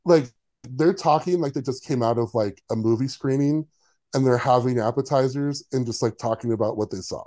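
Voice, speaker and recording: Dark-voiced sarcastic male podcaster. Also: mid-range voice, fairly quick. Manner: sarcastic, opinionated, lots of fillers. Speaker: podcast co-host. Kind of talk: casual chat.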